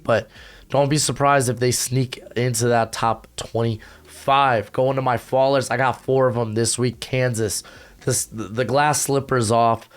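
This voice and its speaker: Speaking at mid pitch, this young male host runs through college football rankings to camera from his home setup, where a humidifier sits nearby. His voice is hoarse but stays fairly clear under the strain, and he talks in energetic, slangy bursts, with quick asides and frequent fillers.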